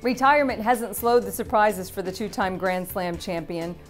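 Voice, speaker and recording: A woman narrates a sports news roundup in a polished, upbeat scripted read. Her voice sits at a middle pitch and she drops in the odd light quip. Soft music runs quietly behind her. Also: fairly even intonation, moderate pace. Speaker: news presenter.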